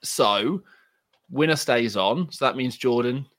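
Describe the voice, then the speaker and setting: A man's voice: medium pitch, slow, a bit bright, no room sound, studio quality. A man from Leicester hosting a football podcast in casual, conversational chat. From Leicester, England. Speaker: podcast host.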